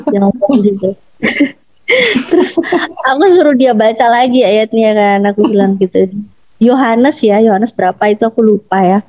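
Chatty woman, dark muffled voice. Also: on the high side, moderate pace, dry recording. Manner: chatty, laughs often, quotes others. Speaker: guest convert telling her story. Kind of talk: casual storytelling.

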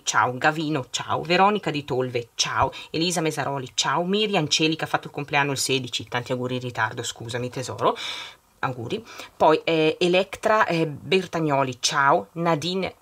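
A middle-aged woman vlogger with a deep yet fairly bright voice chats casually while decorating her planner and opening a surprise bag. During the unboxing she reads out long lists of greetings.

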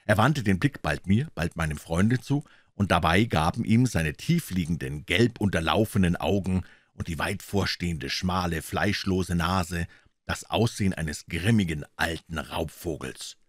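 A man reading aloud a classic detective story in a measured storytelling voice. His pitch sits low. The sound is dry and close. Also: dry recording. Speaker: audiobook reader. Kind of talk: scripted narration of a classic story.

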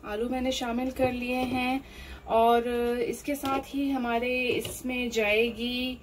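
A woman's voice: fairly high pitch, a little hiss or hum, rough recording. Woman, cooking tutorial. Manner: unhurried, explains each step with many fillers. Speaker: cooking channel host. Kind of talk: home cooking demonstration voice-over.

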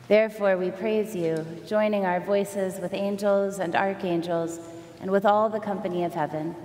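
A woman priest leading the Eucharist, reciting the prayers in a measured, solemn way, with a cathedral echo from a large church. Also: mid-range voice, mellow. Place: large church during a service. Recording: echoey hall with faint room noise.

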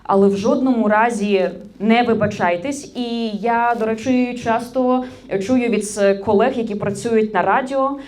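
A woman's voice: on the high side, fairly even intonation, unhurried, darkish tone. A woman media trainer giving an interactive workshop on correct Ukrainian usage, quizzing her audience and correcting common mistakes, with a Ukrainian accent.

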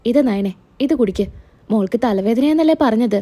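A woman's voice: a little high, expressive, brisk, mellow. A woman voicing a caring middle-aged mother-in-law in a spoken serial recap, talking in a soothing, reassuring way.

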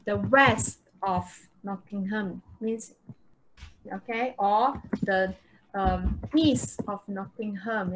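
Here a female English teacher with a Malaysian accent leads a live online lesson from indoors via video call, her mid-range voice fairly bright. There's a little hiss or hum, and the audio quality is poor. She regularly checks in with questions and tags like "okay" and "right."

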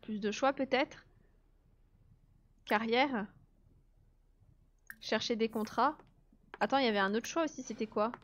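A woman's voice: fairly high pitch, unhurried, pauses often, dull audio. A woman giving casual live gameplay commentary, chatty and laughing often as she answers her chat. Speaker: let's play streamer.

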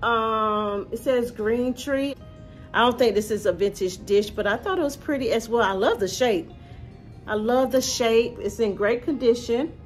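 A woman's voice: on the high side, measured pace, soft background music. A woman, chatting casually to camera about her thrift finds from her living room and calling her viewers y'all. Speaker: thrift haul vlogger. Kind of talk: casual haul vlog to camera.

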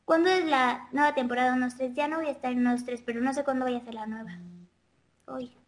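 A woman vlogger hosts a casual live webcam chat, reading out and answering viewer comments. Her high, childlike, girlish voice is chatty and quick, with fairly even intonation. The audio comes through a webcam mic.

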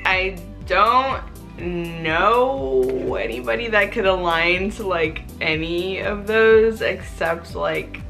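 A woman's voice: on the low side, slow, gravelly, fairly bright tone, soft background music. A young woman with a bubbly sorority-girl manner, chatting casually to camera in a small bedroom and peppering her talk with "like.". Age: young adult. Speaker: vlogger.

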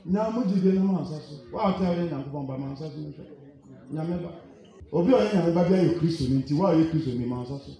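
A man's voice: a little high, animated, fast, dark tone. A man preaching a sermon as pastor, hammering the congregation with rhetorical questions. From Ghana. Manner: preaching, rhetorical questions, mixing English and Twi. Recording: echoey church hall.

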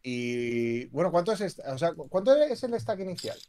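Man, poker co-commentator, fairly high voice, analytical, steady. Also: normal speed, a little hiss or hum. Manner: analytical, works through odds calmly.

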